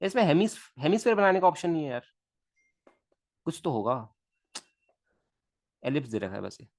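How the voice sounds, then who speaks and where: A man's voice: on the high side, sing-song, moderate pace, darkish tone, dry recording. A male physics teacher talking through a live online lesson. He chats casually and mutters to himself as he sketches diagrams. The sound is dry and close. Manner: chatty, mutters to himself while drawing.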